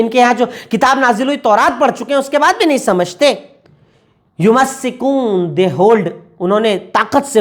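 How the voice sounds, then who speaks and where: A woman teaching a Quran commentary lesson, explaining word by word with English glosses and repeating points in steady lists. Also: a little high.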